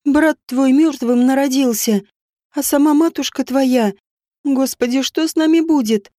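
A woman reading an audiobook voices an old peasant nanny who laments in a drawn-out, wailing way. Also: high voice, mellow, dry recording, studio quality. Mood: lamenting.

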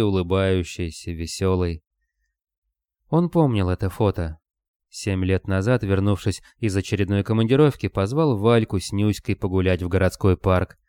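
A man narrating a novel as an audiobook in a measured, expressive storytelling manner. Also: fairly low pitch, clear, resonant tone, no echo, clean studio sound.

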